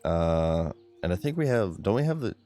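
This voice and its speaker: Deep-voiced man streaming a game. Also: moderate pace, soft background music. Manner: excitable, chatty, talks to his chat. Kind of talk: live gameplay commentary.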